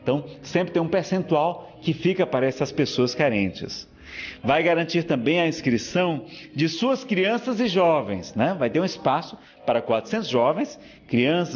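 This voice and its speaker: Brazilian guy giving a spiritist talk, bit high voice, earnest, keeps checking in with the crowd. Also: darkish tone. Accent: Brazilian Portuguese. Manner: earnest, persuasive, checks in with listeners often. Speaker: spiritist speaker. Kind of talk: lecture announcement.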